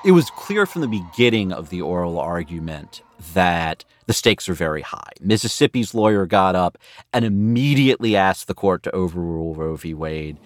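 A man's voice: low-pitched, animated, moderate pace, no echo. An American man speaking as a legal correspondent, explaining things emphatically in an interview.

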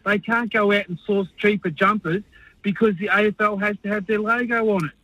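A man's voice: sits high, steady tone, a little fast, pushed and bright, no echo, poor audio. An Australian man phoning a talkback show, speaking casually in a blunt, complaining way. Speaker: talkback radio caller. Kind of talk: casual opinionated phone-in talk.

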